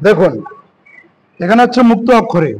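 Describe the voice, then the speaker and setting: A man teaching Quran reading, spelling out letters and vowel marks slowly and asking the learner rhetorical questions. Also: sits high, lively intonation, husky, low-quality recording. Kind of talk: step-by-step reading lesson.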